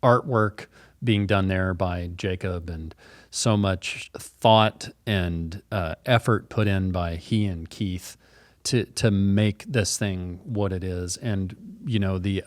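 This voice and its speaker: A man's voice: deep voice, slow pace, dry recording, studio quality. A man co-hosting a podcast in casual chat, earnest and rambling with frequent restarts. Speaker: podcast co-host.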